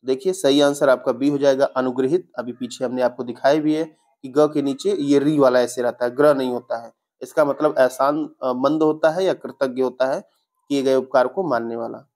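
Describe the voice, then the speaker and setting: A man's voice: medium pitch, fairly even intonation, moderate pace, darkish tone. A young male teacher walking through exam spelling answers step by step in an online lesson, often correcting himself mid-sentence.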